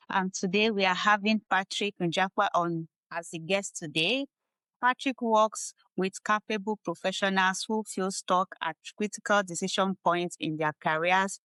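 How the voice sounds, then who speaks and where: A woman hosts a podcast interview in a polite, formal manner. Her voice is smooth and clear at a middle pitch. The sound is dry and close to the mic. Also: moderate pace, fairly bright tone, dry recording, rough recording. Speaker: podcast host. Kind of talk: interview hosting.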